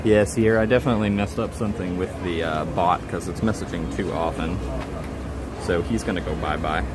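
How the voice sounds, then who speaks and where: A man's voice: low-pitched, brisk, over loud music. A man hosting a casual, rambling livestream outdoors, chatting in a self-deprecating way. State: hot and sweaty. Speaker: livestream host. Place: outdoors at a busy theme park. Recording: loud outdoor park and vehicle noise.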